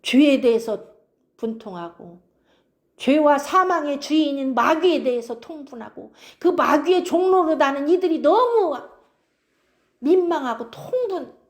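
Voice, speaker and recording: A woman's voice: high-pitched, expressive, measured pace. A woman preaching an expository sermon, keeps prompting her listeners.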